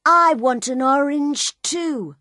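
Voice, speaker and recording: A high, bright little girl's voice put on by a woman narrator, loud and eager as she pesters the grown-ups. She speaks slowly and clearly in a dry, close recording, as in an audiobook. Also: very animated, no echo, full character voice. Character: excited little girl on a train.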